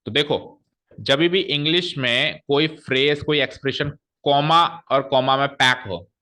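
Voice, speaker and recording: A man's voice: medium pitch, fairly even intonation, a little slow, pushed and bright. A man teaching an English grammar lesson to a class, explaining step by step and quizzing his students.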